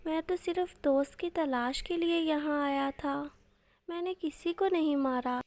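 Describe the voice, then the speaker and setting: A woman voicing a lonely orphan baby bird boy in a cartoon story, soft and pleading. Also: sits high, a little slow.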